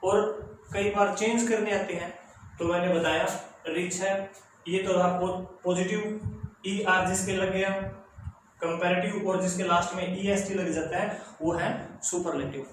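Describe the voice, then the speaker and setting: A man teaching an English grammar lesson who explains slowly and repeats words for his students. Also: high voice, steady tone. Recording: very echoey room, faint background noise.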